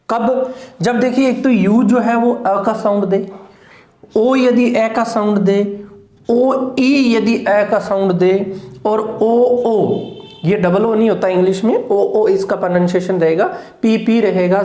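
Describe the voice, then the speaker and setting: A man teaching phonetics in a slow lecture. He repeats each sound and keeps asking whether it is clear. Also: sits high, dark tone, reverberant. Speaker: English teacher.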